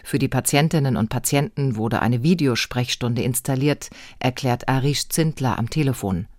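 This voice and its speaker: A woman reporter narrating a scripted radio feature in an even, clear voice. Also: rumbling low, normal speed, no room sound, clean studio sound.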